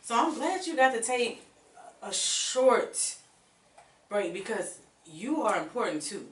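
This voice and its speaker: A woman hosting a radio interview, chatty and quick to laugh as she tells stories. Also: on the high side, big pitch swings, recorded from a distance. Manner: chatty, laughs often, storytelling. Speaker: radio show host. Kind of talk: casual interview chat. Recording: echoey room, voice off-mic, faint noise.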